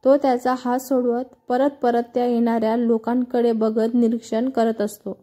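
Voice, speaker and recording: A woman narrating a scripted romance story in a steady, even reading. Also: a little high, moderate pace.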